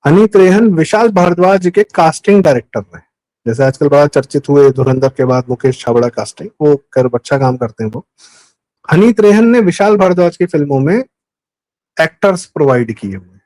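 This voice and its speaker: Emphatic high-voiced man posing questions. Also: expressive, fairly quick, a little mellow, poor audio. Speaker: guest commentator. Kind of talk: political talk show discussion.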